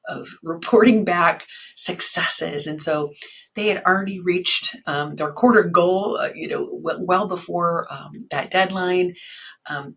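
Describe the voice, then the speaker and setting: A woman's voice: low voice, creaky, a bit bright, breathy edge. A woman hosting a podcast, talking with enthusiasm and frequent ums as she introduces and interviews a guest. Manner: enthusiastic, many ums and restarts. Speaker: podcast host and fundraising consultant.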